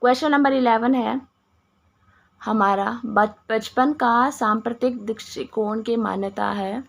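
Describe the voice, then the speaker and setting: A woman with a hoarse voice and a cough, explaining answers to exam questions with restarts and many English words. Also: fairly high pitch, a little slow, a little hiss or hum. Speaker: teacher going through exam questions. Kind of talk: Hindi exam-prep lesson.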